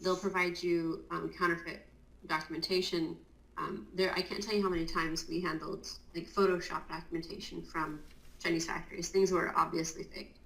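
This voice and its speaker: A woman's voice: lowish voice, flat delivery, moderate pace, gravelly, a bit bright. A woman in a casual interview explaining Amazon compliance work. She talks in a chatty, explanatory way with many fillers, in her just-woken morning voice. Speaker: guest, Amazon compliance consultant. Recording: roomy echo.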